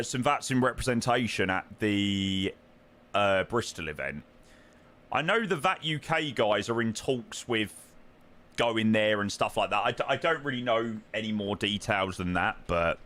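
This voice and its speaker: A man's voice: medium pitch, lively intonation, a little slow, fairly bright tone. A British man chatting casually on a flight simulator livestream, informal and matey in manner.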